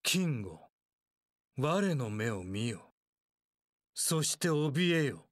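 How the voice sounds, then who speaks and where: In Japanese action game voice acting, a man plays a cold, haughty warlord strategist, imperious and clipped, scorning his underlings with cold disdain. His mid-range voice is sing-song and very slow, recorded in studio quality with no echo.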